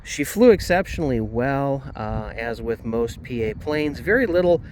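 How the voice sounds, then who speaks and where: A man hosts a casual hobby review at a middling pitch, speaking haltingly with a sore, slightly swollen jaw. There is noticeable background noise with a vehicle-like rumble behind him. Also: expressive, a little mellow. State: sore, slightly swollen jaw after surgery, talking a little oddly. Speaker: RC hobby channel host reviewing a model plane. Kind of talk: casual hands-on product review.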